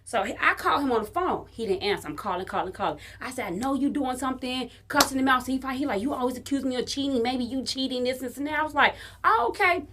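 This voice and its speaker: A woman from Chicago, co-hosting a podcast, telling a story in casual chat, animated and profane and acting out the dialogue. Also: high voice, fast, few pauses, a little hiss or hum. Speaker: podcast co-host.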